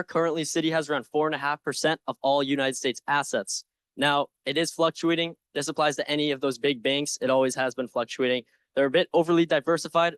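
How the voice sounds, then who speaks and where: A young man delivers a prepared pitch in a confident, earnest way. His voice sits a little higher than average for a man. He slips into informal phrasing now and then, and the sound is very dry, with hardly any room in it. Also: fairly bright tone, no room sound. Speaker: presenter in a stock pitch competition. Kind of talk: prepared slide presentation pitching an investment.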